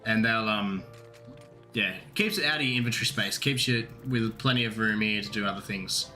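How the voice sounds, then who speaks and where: Bright-voiced casual game streamer. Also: male voice, on the low side, moderate pace, faint music behind. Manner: casual, rambling, self-correcting. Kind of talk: game playthrough commentary.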